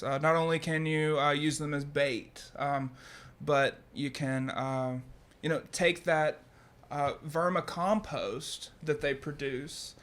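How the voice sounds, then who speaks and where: A young man, a farmer chatting casually as a guest, relaxed and full of fillers. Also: mid-range voice. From Louisiana, US. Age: young adult. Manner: laid-back, says "man" often, many fillers. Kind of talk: casual conversation.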